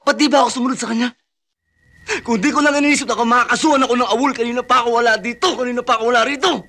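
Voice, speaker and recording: A man's voice: extremely high pitch, fairly even intonation, very fast, bright, forceful tone, slight background noise, heavily acted. An actor playing a hot-tempered young soldier who is grieving and drunkenly angry at his officer, in a film with music underneath. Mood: bitter. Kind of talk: film acting.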